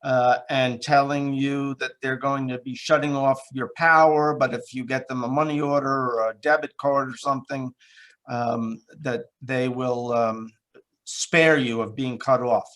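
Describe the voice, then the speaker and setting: A man of middle pitch chairs a town board meeting over a video call. He speaks in a plain, unpolished way, pausing often with fillers as he works through announcements. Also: level tone, a bit bright. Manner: plain, halting, many fillers. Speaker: town supervisor.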